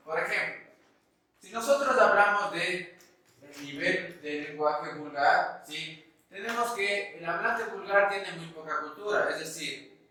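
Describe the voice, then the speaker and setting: A man from the Ecuadorian highlands with a highland accent, teaching a class and checking understanding with frequent "¿sí?". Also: pushed and bright. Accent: Ecuadorian highland Spanish. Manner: explains step by step, often checking with "¿sí?". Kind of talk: recorded class lecture. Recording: echoey room, voice from a distance.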